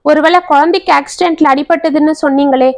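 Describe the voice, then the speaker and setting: A woman's voice: high-pitched, steady tone, brisk. A woman voicing a kindly older father figure consoling a grieving widow in a family tale. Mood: concerned.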